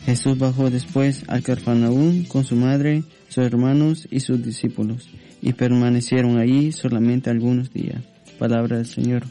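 A man reading a Bible passage aloud in a steady, measured way on a religious radio program. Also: medium pitch, faint music behind. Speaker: scripture reader.

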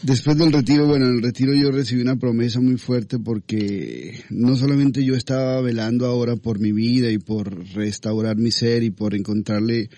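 A man from Colombia, sharing his faith testimony in an interview, halting and repeating words as he goes. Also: mid-range voice, fairly even intonation, dark tone, no echo. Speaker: guest.

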